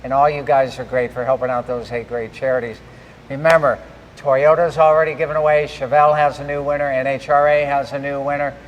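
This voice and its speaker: A man hosting a live giveaway stream, giving shout-outs and recapping in repeated announcer-like phrases. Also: medium pitch, flat delivery, brisk, lo-fi sound. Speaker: host of a live giveaway show. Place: large garage with a stage. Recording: echoey hall with faint background noise.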